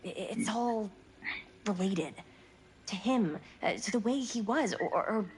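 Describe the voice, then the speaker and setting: A woman's voice: medium pitch, unhurried, natural voice. An actress playing an earnest, intent young woman investigating in a video game, in a naturalistic style.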